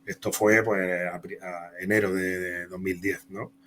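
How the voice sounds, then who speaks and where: Crowd noise surrounds a deep, level male voice moving a little slowly. The speaker, a comic book author from Spain with a Castilian accent, rambles casually through career anecdotes as an interview guest.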